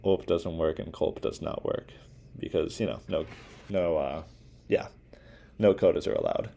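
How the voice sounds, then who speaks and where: A man's voice: extremely low pitch, measured pace, creaky, dark tone. A young man giving a casual class presentation, talking informally with many fillers and restarts. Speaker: student presenter.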